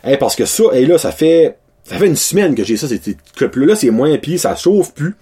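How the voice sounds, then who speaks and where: A man's voice: a little high, big pitch swings, brisk, dark tone, slightly rough. A man in his thirties with a Québécois French accent, casually chatting to his followers in a loose, slangy way and mixing in English words. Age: 30s. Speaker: vlogger.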